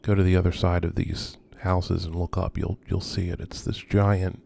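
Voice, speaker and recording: Warm in tone but low and fairly flat in pitch, a man with vocal fry speaks at normal speed. He's a video host exploring abandoned row houses at night, narrating unscripted in a quiet, halting, reflective manner with trailing phrases, and the location recording is noisy.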